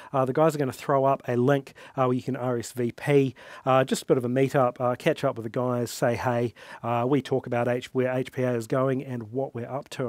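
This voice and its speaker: A man, hosting a casual company update in a relaxed way, with lots of "uh" fillers, on a headset mic. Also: medium pitch, dry recording, clean studio sound. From New Zealand. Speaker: host. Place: studio workshop set, then at a desk.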